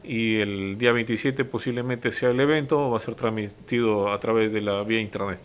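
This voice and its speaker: A man, a police officer answering questions in a local TV interview, halting and full of fillers and tag questions. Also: lowish voice, fairly even intonation.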